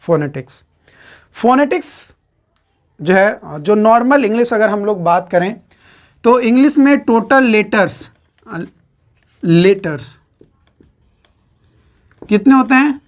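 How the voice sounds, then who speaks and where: Slow, methodical woman teaching phonetics. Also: mid-range voice, expressive. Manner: slow, repeats questions and answers to students; counts syllables aloud while writing. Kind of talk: recorded exam-prep lecture.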